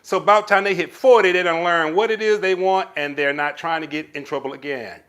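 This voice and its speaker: On a casual live stream, a man with a smooth, fairly quick voice on the high side works through viewer comments and gives relationship tips. He's energetic and uses pet names like "baby" for his viewers.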